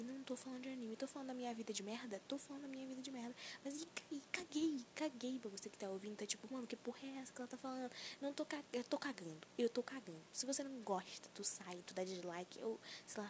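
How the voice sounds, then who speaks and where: A woman's voice: on the high side, background noise. Anxious young woman ranting profanely. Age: young adult. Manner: self-mocking, profane, rambling. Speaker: podcast host. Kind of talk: solo podcast rant.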